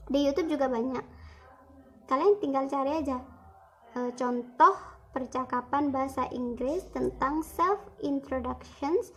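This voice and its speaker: A woman's voice: high-pitched, slight background noise. A young woman teaching English in an online video lesson, explaining over slides in a chatty, casual classroom tone.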